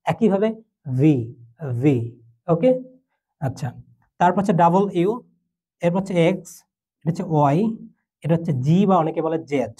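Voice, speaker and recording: A man's voice: on the high side, moderate pace, pauses often, mellow, husky. A young man from Bangladesh in his twenties, teaching a basic English lesson patiently and step by step, mixing in English phrases. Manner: patient, explains step by step with fillers and mixed English. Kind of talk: classroom lesson explanation.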